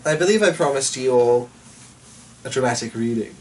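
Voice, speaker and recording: With a mid-range voice, lively intonation and a moderate pace, this man hosts a casual vlog. He rambles at his viewers in a distracted, muttering, mildly exasperated manner, captured by a distant mic amid faint background noise.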